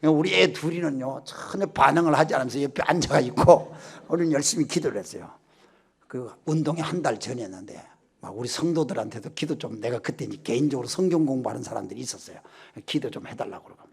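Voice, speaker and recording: A middle-aged pastor tells his story from a church pulpit, his voice husky and gravelly. His pitch leaps about as he moves from near-shouts to quiet asides. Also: quick pace. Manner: animated storytelling, swings from shouts to hushed asides. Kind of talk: revival sermon testimony. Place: church sanctuary.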